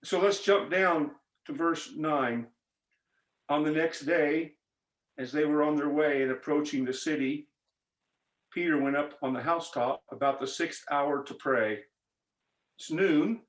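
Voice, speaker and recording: A man preaching a sermon over a video call, fervent and urging, swinging from loud exhortation to intense quiet appeals. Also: fairly high pitch, a little slow, echoey room.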